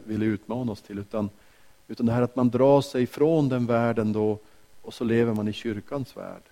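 Male preacher, mid pitch, mellow tone, earnest and emphatic, small restarts. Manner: earnest preaching with slow, emphatic repetitions and rhetorical questions. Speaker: pastor. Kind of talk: sermon.

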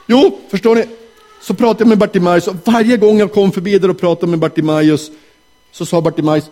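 A man telling a Bible story to children in character, animated and asking them questions. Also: high-pitched. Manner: animated, asks the audience questions. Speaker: children's talk leader.

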